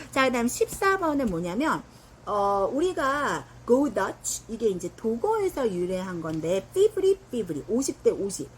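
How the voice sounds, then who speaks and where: Middle-aged woman, English teacher, casual chatty lesson, fairly high voice, very lively pitch. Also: a little hiss or hum. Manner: chatty, explains slowly, lots of fillers.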